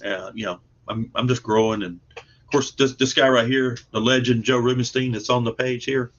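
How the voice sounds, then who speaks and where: A comic book artist and writer chats casually as an interview guest about his creative work, coming across as earnest, modest and plain-spoken in a folksy way. His voice is medium-pitched with fairly even intonation at a moderate pace, heard over dull, lo-fi online call audio.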